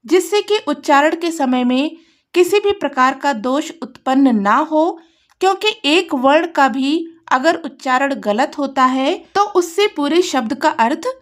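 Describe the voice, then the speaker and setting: A woman tutor explaining a textbook lesson line by line, reading each word and then glossing it. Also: high-pitched.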